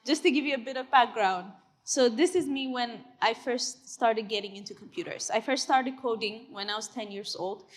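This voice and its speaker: A woman's voice: on the high side, moderate pace. A woman in her twenties from Ethiopia, a tech company CEO giving an earnest, conversational conference presentation with frequent fillers and tag questions. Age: 20s. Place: conference hall stage.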